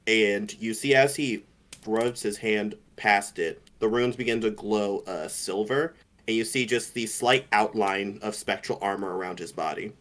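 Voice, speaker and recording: A man's voice: fairly low pitch, unhurried, fairly bright tone. A man playing a tabletop game, casually narrating what his character does.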